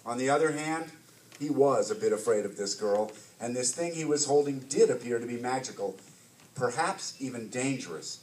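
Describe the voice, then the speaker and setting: A man, an author, reading his story aloud to a bookstore audience with animated, dramatic narration. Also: mid-range voice, normal speed. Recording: roomy, distant mic, faint hiss.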